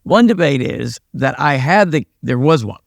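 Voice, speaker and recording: An older American man, a retired police sergeant turned pastor, tells stories in a casual interview with a wry, self-deprecating manner. His medium-pitched voice is animated and creaky at a normal speed, recorded in studio quality with no echo.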